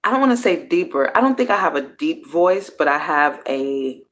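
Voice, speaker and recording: Her voice sits low but is a bit bright, with lively intonation and a moderate pace. Hosting her personal growth series, she reflects casually and candidly, full of slang and swearing, frequently trailing off and starting over.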